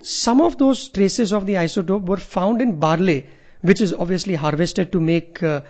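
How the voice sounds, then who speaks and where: A man's voice: high voice, normal speed, a little mellow. A man with a North Indian accent chatting casually as a co-host, telling things in a jokey way. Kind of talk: casual conversational chat. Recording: slightly dull, lo-fi audio.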